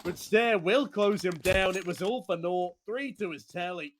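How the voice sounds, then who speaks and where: A man's voice: high voice, normal speed. A man working as an esports caster, giving play-by-play commentary on a shooter match. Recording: gunfire and game noise behind. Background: video game gunshots and clicks.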